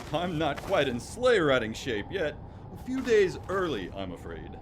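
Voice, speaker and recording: Man playing a lively, wry old Santa Claus. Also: fairly high pitch, measured pace, background noise. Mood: hearty. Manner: hearty, wry lecturing. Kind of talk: audio drama acting.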